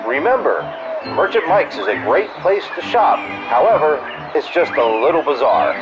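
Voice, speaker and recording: Over music, through muffled lo-fi radio sound, a man in the role of a wisecracking jungle cruise radio host reads comedy bulletins meant to sound official, using a dry, old-time announcer style. His voice sits a little high and has a sing-song lilt, at a moderate pace.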